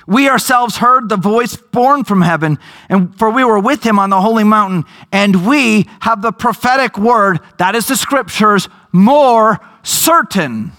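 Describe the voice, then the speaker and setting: A man preaching a sermon, telling a scripture story with emphatic, drawn-out phrases and lively storytelling. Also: high voice. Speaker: pastor.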